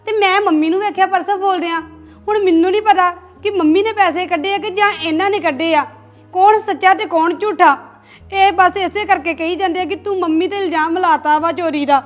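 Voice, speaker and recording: An actress playing a young married woman in a family drama, tearful and pleading, over soft background music. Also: very high voice. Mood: indignant. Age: young adult.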